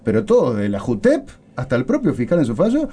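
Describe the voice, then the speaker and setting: A man hosting a radio interview, talking in an animated, excitable and jokey way. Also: mid-range voice, fast, husky. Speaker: radio host.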